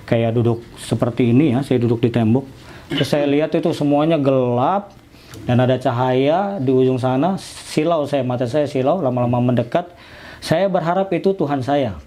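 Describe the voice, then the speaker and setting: A man telling his own story in a casual interview, acting out conversations in lively slangy speech. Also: mid-range voice. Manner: animated, acts out dialogue in slangy speech. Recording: faint background noise.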